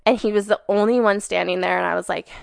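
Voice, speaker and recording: A woman in her twenties, a podcast guest in casual chat, animated and full of "like", swearing offhandedly. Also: mid-range voice, fast, gravelly, clear, resonant tone, no room sound, clean studio sound. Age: 20s.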